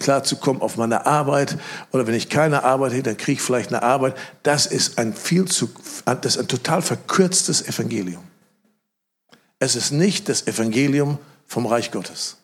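Husky German-speaking male preacher. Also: medium pitch. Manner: animated storytelling, acts out quoted voices loudly; emphatic repetition. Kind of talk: sermon.

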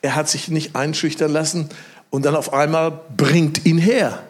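A male preacher giving a lively sermon, telling stories and acting out the voices of the people in them, often repeating phrases for emphasis. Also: on the high side, moderate pace. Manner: animated storytelling, acts out quoted voices loudly; emphatic repetition.

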